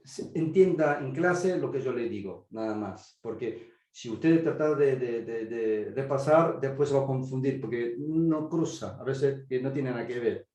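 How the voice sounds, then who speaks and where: A man with a mellow, mid-range voice lectures online on grammar as a biblical Greek teacher, the sound reverberant. He speaks Spanish as a second language with a Korean accent and regularly checks comprehension with "¿sí?".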